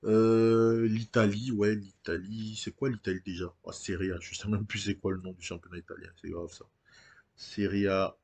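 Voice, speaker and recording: Low-voiced man commenting on a game. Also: level tone, normal speed, gravelly, darkish tone, slightly rough. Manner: thinks aloud with frequent hesitations. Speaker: gaming channel host.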